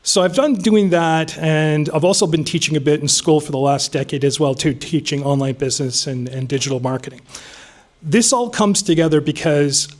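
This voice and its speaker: A city council candidate from Vancouver, Canada, in his 50s, gives an unscripted campaign speech to an audience in a meeting room. His slightly high voice moves at normal speed, earnest and off-the-cuff, with frequent ums.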